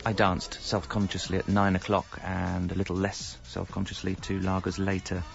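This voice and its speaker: Speaking at normal speed in a low monotone with vocal fry, an actor narrates a radio comedy as its lead, a middle-aged married British man musing wryly, articulately and self-mockingly on his double life. Faint music accompanies a dull, lo-fi recording.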